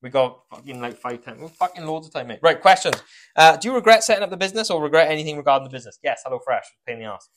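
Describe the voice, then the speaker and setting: A man's voice: a little high, expressive, racing, fairly bright tone, slight background noise. A man, co-hosting a casual chat and musing about life in a rambling, sweary way. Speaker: podcast co-host.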